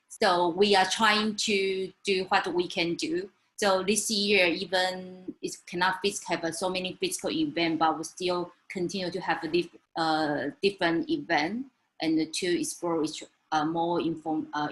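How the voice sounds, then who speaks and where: A woman from Taiwan, an English speaker, presenting slides in a webinar, halting with many fillers and restarts. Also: lowish voice, steady tone, a bit bright, low-quality recording.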